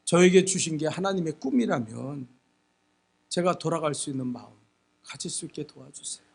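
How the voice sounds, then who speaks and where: Quoted role: gentle, pleading middle-aged wife, husky and fairly high, done by a male preacher. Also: expressive, moderate pace, full character voice. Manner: soft, hushed.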